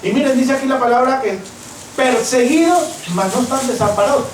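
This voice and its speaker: A pastor from Peru preaches a sermon with passion, fairly quick, in a voice that sits fairly high for a man, acting out the voices he quotes. Recorded from far off in a church hall, his words ring with strong echo over a faint room hum.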